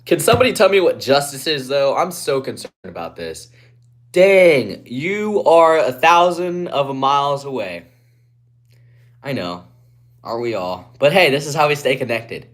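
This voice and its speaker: With a phone propped on a ledge, a young man from Guatemala streams live, reading out comments and replying easily, his words frequently fading to quiet. The livestreamer has a medium-pitched, sing-song voice and moves at a moderate pace.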